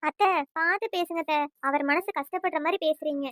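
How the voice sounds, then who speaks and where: A woman voicing a meek, pleading young daughter-in-law in a family cartoon, soft-spoken. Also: extremely high pitch, fairly quick, dry recording, clean studio sound. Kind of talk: cartoon voice acting.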